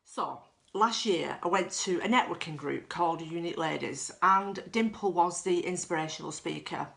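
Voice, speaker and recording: Woman, middle-aged, lowish pitch, candid personal testimonial, self-deprecating, restarts and fillers. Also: moderate pace, creaky, a bit bright. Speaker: client giving a testimonial.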